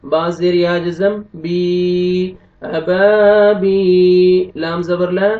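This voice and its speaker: A man with a Pakistani Urdu accent teaching Quran recitation, spelling out syllables and then chanting the verses slowly between brisk explanations. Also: high voice, level tone. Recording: dull lo-fi room echo from a distance.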